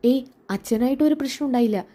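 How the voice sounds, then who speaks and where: A woman's voice: high-pitched, dark tone, voice pushed up. A woman voicing a worried mother who halts and hesitates before giving bad news. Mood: hesitant. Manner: hesitant, halting.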